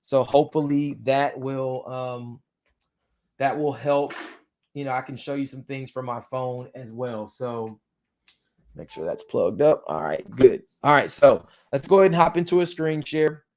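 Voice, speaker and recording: An unhurried, medium-pitched man hosts a casual tutorial on his crypto channel. Dental aligners make his speech slightly thick, and he rambles, sprinkling in plenty of ums and you-knows.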